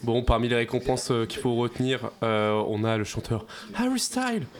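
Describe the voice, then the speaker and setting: A man's voice: mid-range voice, animated, moderate pace. A man co-hosting a pop culture podcast, presenting music news in casual chat, hesitating with many fillers and joking. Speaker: podcast co-host, music segment.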